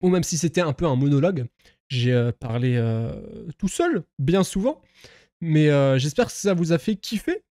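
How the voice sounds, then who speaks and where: A man's voice: a little high, big pitch swings, normal speed, mellow, dry recording, clean studio sound. A young man chatting casually on a live stream, rambling with many fillers, swearing and laughing at himself.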